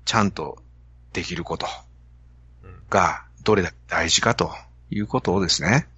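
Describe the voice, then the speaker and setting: A man with a Kansai accent hosts a podcast, telling an animated story to make a business point. His voice sits low, a little husky, with lively swings in pitch. The sound is dry and somewhat dull. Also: normal speed, no room sound. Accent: Kansai Japanese. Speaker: podcast host. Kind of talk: casual podcast talk.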